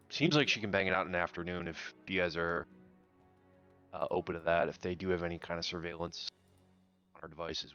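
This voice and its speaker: Very low male player, sharp timbre, hesitant, muddy lo-fi mic. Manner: hesitant, polite, many ums. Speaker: tabletop game player. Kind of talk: casual game-night talk. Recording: dull lo-fi mic.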